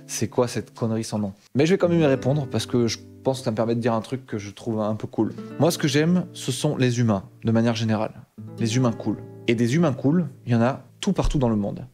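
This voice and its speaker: A man's voice: mid-range voice, brisk, mellow. A man talking casually and enthusiastically straight to his viewers, in a slangy conversational way. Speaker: YouTuber. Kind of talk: casual direct-to-camera talk. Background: faint guitar music.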